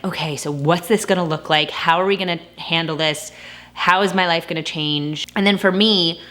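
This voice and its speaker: A woman in her thirties talks casually to her viewers in an upbeat, chatty way, slightly out of breath. Her voice sits low but sounds bright and forward, and she keeps the tone easy and friendly. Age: 30s. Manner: chatty, upbeat, frequent laughs. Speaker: vlogger. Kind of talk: casual chat to camera.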